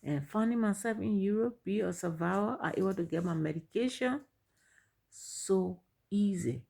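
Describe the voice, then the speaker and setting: A woman's voice: mid-range voice, moderate pace, creaky, a little mellow. A middle-aged woman with a Liberian accent, sharing her personal story and giving earnest advice, repeating points for emphasis.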